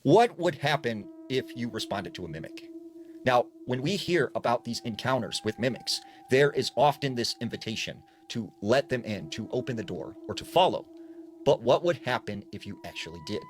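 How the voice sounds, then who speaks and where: A man telling a creepy story, animated, putting on the voices of the people in it. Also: mid-range voice, moderate pace, a little hiss or hum. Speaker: storyteller in a TikTok clip. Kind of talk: spooky story narration.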